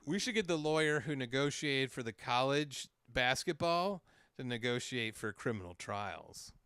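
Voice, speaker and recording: A man co-hosting a comedy podcast, spinning easygoing stories with casual swearing. His voice is smooth and bright at a middle pitch, heard dry and close to the mic. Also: expressive, normal speed, no room sound. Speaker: podcast co-host.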